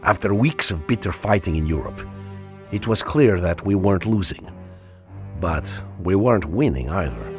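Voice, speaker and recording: A war-weary Soviet soldier recounting the campaign in a war game. His low voice is dry and sardonic yet moves expressively, with music underneath. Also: lively intonation, normal speed, darkish tone. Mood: wry. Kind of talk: scripted game narration.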